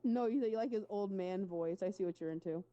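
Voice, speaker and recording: Young woman streamer, mellow, teasing, muffled mic with faint music. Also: medium pitch, brisk. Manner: teasing, distracted. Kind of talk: casual chat while gaming.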